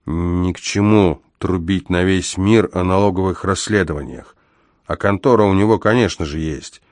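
A man's voice: moderate pace, dry recording, studio quality, close to an everyday voice. A man doing a timid rat-like accountant. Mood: secretive. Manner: nervous, squeaky when frightened.

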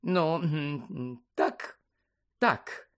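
A man reading aloud voicing an eager middle-aged male sports official who hesitates and fills pauses with ums. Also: on the high side, a bit bright, exaggerated voice. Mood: wheedling. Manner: hesitant, wheedling, full of ums.

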